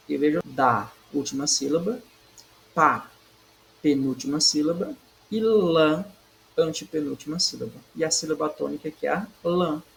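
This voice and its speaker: A man's voice: a little high, creaky, slight background noise, low-quality recording. A man teaching Portuguese, working through exam questions in a didactic way, checking in with "certo?" and punching out stressed syllables. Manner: stresses syllables by saying them louder.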